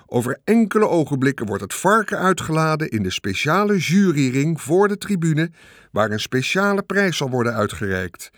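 A man voicing a pompous, grandiose male loudspeaker announcer at a country fair in an audiobook. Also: a little high, sing-song, normal speed, no room sound, studio quality, voice pushed up.

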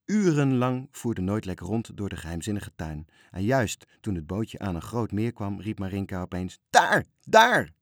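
A man reading a children's story aloud in a calm, even storytelling manner. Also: lowish voice, moderate pace, hardly any pauses, no room sound, clean studio sound.

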